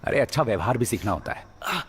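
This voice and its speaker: An actor dubbing a stern middle-aged laundryman father who scolds and then gently coaxes his son, in a husky voice. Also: fairly low pitch, sing-song, a little fast, exaggerated voice. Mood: coaxing. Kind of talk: Hindi film dub.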